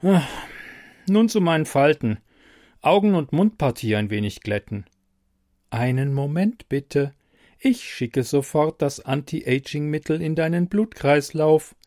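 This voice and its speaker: A prim household beauty computer talks in formal, mechanical sentences, as a man puts it on. It speaks slowly and a little high, with wide swings in its delivery. The sound is close and dry. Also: expressive, darkish tone, no echo. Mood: polite mechanical. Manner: polite, formal, mechanical phrasing. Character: bumbling female-addressing beauty computer, polite, robotic. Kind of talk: audiobook reading.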